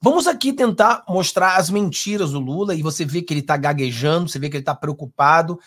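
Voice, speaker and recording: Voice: medium pitch, fast talker. A host with a Brazilian Portuguese accent reacting to a clip, mocking and sarcastic, ranting with swearing. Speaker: political commentary host. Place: in the United States.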